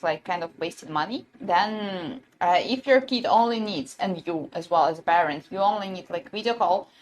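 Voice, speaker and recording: A woman's voice: medium pitch, a little hiss or hum. Chatty giggly woman selling gadgets live. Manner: chatty, giggly, many fillers and restarts. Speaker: livestream seller. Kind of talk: casual live-stream product demo.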